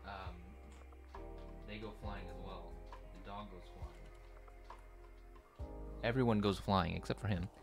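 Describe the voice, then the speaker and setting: A man narrating a tabletop game as game master, slow and relaxed with ums. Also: sits low, over loud music. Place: home, online session.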